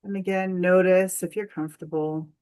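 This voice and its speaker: A woman guides a meditation, her voice on the low side with fairly even intonation. She speaks gently and soothingly, unhurried, leaving long pauses between phrases.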